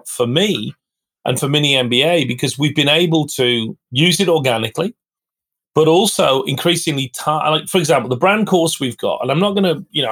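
A man's voice: fairly high pitch, a bit bright, breathy edge. A middle-aged man talking as a podcast guest, blunt and fired-up, swearing freely as he makes his points. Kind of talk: candid interview talk.

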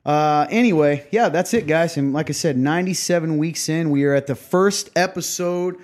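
A man's voice: fairly high pitch, normal speed, a little mellow. A young man co-hosting a podcast in casual chat, teasing and often laughing. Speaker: podcast co-host.

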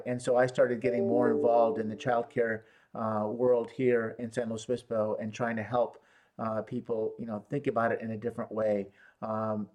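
Man, lawyer, interview guest, conversational, halting, fillers and restarts, mid pitch. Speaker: law firm owner, interview guest. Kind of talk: conversational storytelling. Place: San Luis Obispo area.

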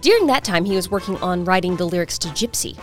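A woman's voice: fairly low pitch, animated, fast talker, soft background music. Woman narrating a history podcast. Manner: dramatic storytelling. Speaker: podcast host. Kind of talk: scripted narration.

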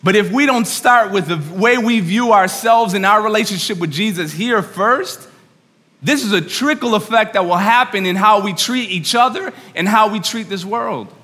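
A man preaching earnestly and excitedly to a congregation, often repeating and rephrasing himself. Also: high voice, moderate pace. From New York. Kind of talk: sermon to a congregation. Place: large room, speaking to an audience. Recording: reverberant hall sound.

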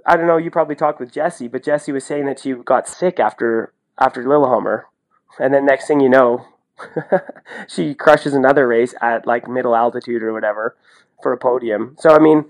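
This sports podcast co-host, a former athlete turned commentator, talks at normal speed with a medium pitch. His chat is casual, chatty and colloquial, with frequent repetition for emphasis, and the audio quality is poor.

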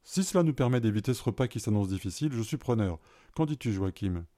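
A man's voice: fairly low pitch, lively intonation, fast talker, mellow, lightly acted. A man reading a story aloud, voicing an eccentric professor who swings from hesitant to grandiose. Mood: puzzled. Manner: hesitant, then exalted and solemn.

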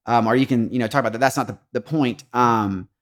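A man, hosting a casual devotional podcast, talking through a Bible story in relaxed slang, laughing often and acting out the lines he quotes. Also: mid-range voice, quick pace. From Texas. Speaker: podcast host.

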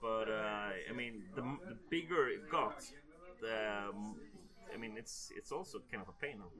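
A man's voice: on the low side, moderate pace, music in the background. A man who founded a game company, answering interview questions hesitantly, with many restarts. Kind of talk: conversational interview.

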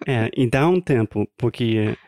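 A podcast co-host with a medium-pitched, expressive, slightly mellow voice speaks Portuguese as a non-native on a casual language show. He talks slowly and carefully, a little hesitantly, like a learner, and the audio has no echo.

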